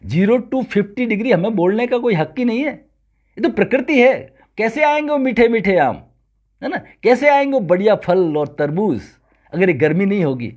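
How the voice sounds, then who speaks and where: Yoga teacher from Rajasthan, male, animated lecturer with a lively pitch who recites scripture. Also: normal speed. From Rajasthan, India. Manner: animated, recites Sanskrit verses. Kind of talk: spiritual lecture.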